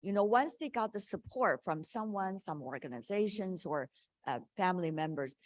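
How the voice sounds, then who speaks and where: A woman's voice: on the low side, lively intonation, normal speed, a little hiss or hum. A woman moderating a policy panel discussion, affirming speakers and making joking asides.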